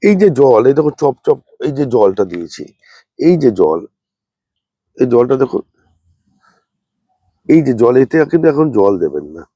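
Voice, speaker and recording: A man, unwell, giving a slow, plain, repetitive gardening demonstration as a channel host. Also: mid-range voice, big pitch swings, dark tone, dry recording. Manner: speaks slowly and plainly, repeating points.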